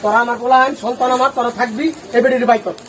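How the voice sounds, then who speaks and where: A man's voice: very high-pitched, flat delivery, very fast. A man playing a stubborn old village father. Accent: rural Bangladeshi Bengali. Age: older. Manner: gruff, bossy, shouts people down. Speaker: father in a family drama. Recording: noisy outdoor scene from far off. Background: chattering crowd and ambient noise.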